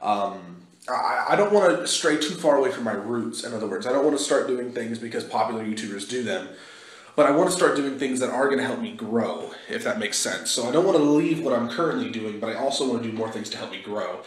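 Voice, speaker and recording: In an echoey little indoor walkway of the house he's moving into, a young adult vlogger chats casually to his audience. His mid-range voice is expressive and brisk, captured by a phone at arm's length.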